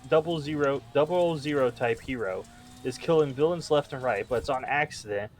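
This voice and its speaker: A man's voice: medium pitch, normal speed, slight background noise. A man co-hosting a podcast in casual chat, rambling as he reads his notes aloud. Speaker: podcast co-host.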